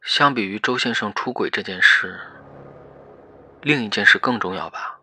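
A meek young man in an audio drama, voiced by an actor, hesitant and obedient. His voice is lowish and husky, with a very sharp, bright edge. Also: normal speed, exaggerated voice. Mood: timid worry. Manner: hesitant, docile.

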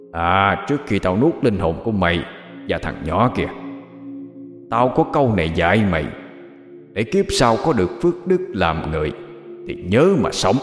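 A cruel male water demon taunts his victims with slow, sinister menace, as a male storyteller puts him on. His pitch swings widely as he gloats. Soft music hums faintly underneath. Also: roomy sound, long reverb tail.

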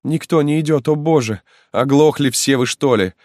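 Man doing a desperate peasant mother, high strained voice, wailing pleas, dry close sound. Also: normal speed, a little mellow, no room sound, close to an everyday voice. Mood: frantic. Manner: pleading, wailing cries for help.

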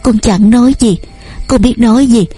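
A woman's voice: on the high side, normal speed, dark tone, slightly rough, faint music behind. A woman voicing a frightened, tearful young daughter who pleads with her mother. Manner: pleading, sobbing.

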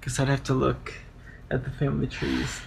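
A man's voice: mid-range voice, monotone, normal speed, creaky, husky. A man co-hosting a podcast, chatting casually about a book and rambling through half-finished thoughts. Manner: rambling, with restarts and trailing-off thoughts. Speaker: podcast co-host.

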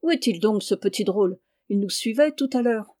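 A woman's voice: medium pitch, animated, normal speed, mellow, natural voice. A woman reading the part of a stern, harsh peasant father who scolds and mocks his sons. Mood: scolding. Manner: gruff, scolding, mocking.

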